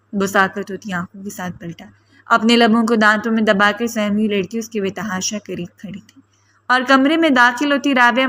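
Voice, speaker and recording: A woman narrating a romance novel as a spoken audiobook. Her delivery is dramatic storytelling, in a voice pitched a little high. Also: a bit bright.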